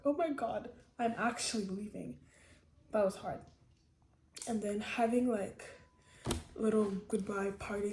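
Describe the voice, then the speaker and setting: A woman's voice: medium pitch, warm tone, echoey room, slight background noise. A teenage girl chatting casually to the camera, telling a rambling personal story with many restarts. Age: teens. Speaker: vlogger. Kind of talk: casual chat.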